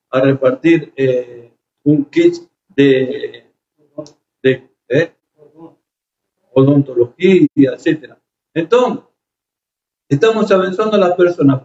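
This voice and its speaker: A male pastor with a high-sitting, darkish voice preaches, telling stories with emotion and frequent hesitations. The room recording is echoey and slightly dull, with slight background noise.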